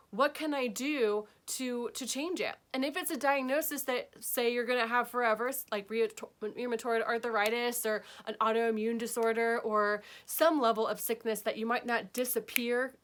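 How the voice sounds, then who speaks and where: A woman's voice: on the high side, a bit bright. A woman giving a casual spiritual talk as a healing arts teacher, chatty and often checking in with "okay?" and "right?".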